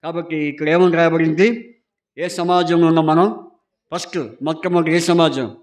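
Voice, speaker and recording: A male pastor preaching a Sunday sermon, reading scripture slowly and repeatedly asking the congregation questions, urging them to answer aloud. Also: fairly high pitch, steady tone. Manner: reads scripture slowly and emphatically.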